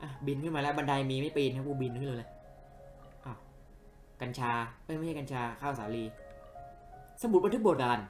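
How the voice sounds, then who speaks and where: A man's voice: mid-range voice, a little fast, pauses often, faint music behind. A man casually commentating a video game he is playing, joking and crude. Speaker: gaming channel host. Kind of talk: let's play commentary.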